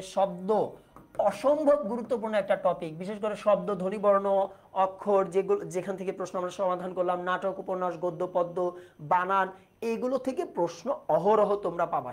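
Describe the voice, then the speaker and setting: A woman teaching an online exam-prep lesson. She explains patiently, asks the students questions and reads out their comments. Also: mid-range voice.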